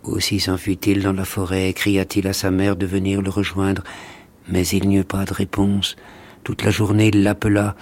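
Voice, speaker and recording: A man reads a fairy tale aloud in a measured, solemn manner. His voice is low and his pitch barely moves, giving the reading a steady, even flow. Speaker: narrator. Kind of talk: scripted storytelling narration.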